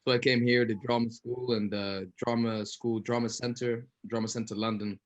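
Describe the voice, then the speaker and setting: An actor taking part in a post-show Q&A as an interview guest talks with earnest emphasis, often going back over phrases as he considers his answers. His medium-pitched voice holds a level tone at a normal pace.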